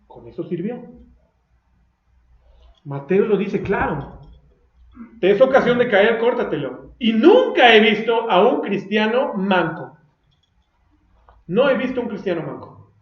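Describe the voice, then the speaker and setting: Mexican male pastor, high voice, fiery and blunt sermon, roomy echo. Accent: Mexican Spanish. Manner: fiery and confrontational, with mocking asides. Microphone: recorded for video. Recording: roomy echo, dull lo-fi sound.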